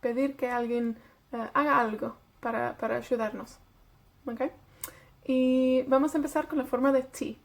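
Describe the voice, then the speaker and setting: A woman from Wales with a Welsh accent, teaching a beginners' language lesson and repeating phrases slowly so learners can say them back. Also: sits high, steady tone, gravelly.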